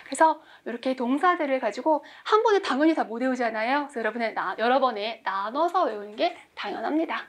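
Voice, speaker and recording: A woman's voice: high voice, expressive, a little fast, hardly any pauses. A woman in her forties teaching English vocabulary in class, quizzing students and making small jokes. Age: 40s. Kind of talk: classroom lecture.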